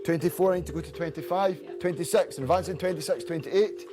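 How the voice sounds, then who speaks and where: A man with a notably high voice works the room as an auctioneer. He chants bids in repetitive strings of numbers, urging buyers on. Music plays clearly behind him. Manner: repetitive rapid-fire numbers and bid calls.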